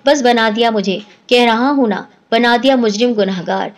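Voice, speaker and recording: A woman's voice: fairly high pitch, lightly acted. A woman voicing a panicked, distraught young man who pleads in frantic outbursts.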